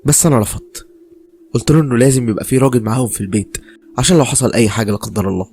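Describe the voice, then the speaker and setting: Fast-paced Egyptian male storyteller. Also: medium pitch, darkish tone. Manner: dramatic, emotional first-person telling. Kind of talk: scripted story narration.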